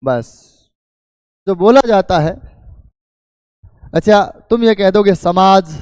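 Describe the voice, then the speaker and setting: A man's voice: high-pitched, slow pace, darkish tone, clean tone, dry recording, studio quality. A middle-aged man teaching grammar in a patient lecture, asking questions and answering them himself. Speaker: Hindi teacher. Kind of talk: explanatory lecture.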